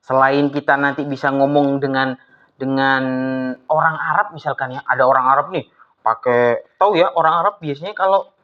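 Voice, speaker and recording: A woman teaching an Arabic class to children, coaxing her pupils with lively questions. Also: a bass voice, moderate pace. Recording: slightly dull lo-fi with faint noise.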